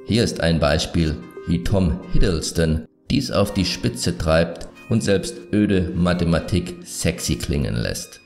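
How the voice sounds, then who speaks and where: A man narrating a scripted self-improvement video, giving advice in a calm, measured, self-assured way. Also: deep voice, vocal fry, faint music behind.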